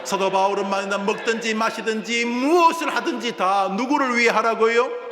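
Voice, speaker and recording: A man who is a senior pastor, preaching a sermon in an animated way, swinging from loud to hushed. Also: high-pitched, normal speed. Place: church sanctuary. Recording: echoey church hall with room noise.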